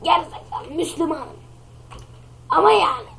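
Woman doing a short-tempered father, nasal, scolding, high-ish voice. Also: lively intonation, moderate pace, vocal fry, a bit bright, exaggerated voice. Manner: scolding, name-calling.

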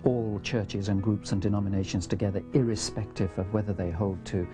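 A man giving commentary in halting, restarting speech. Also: on the low side, steady tone, music in the background.

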